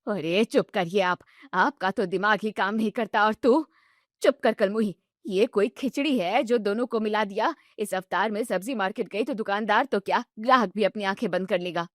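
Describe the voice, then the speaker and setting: A woman's voice: mid-range voice, normal speed, dry recording, clean studio sound, pitched below the performer's own voice, natural voice. A woman voicing a strict older mother-in-law who scolds everyone sharply in a storybook tale. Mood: scolding. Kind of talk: storybook narration.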